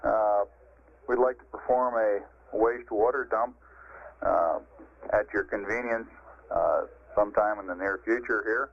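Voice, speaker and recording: An American man working as a mission control communicator, speaking in crisp procedural radio-check style over a band-limited vintage space radio link. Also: lowish voice, steady tone, a little slow, narrow, tinny audio.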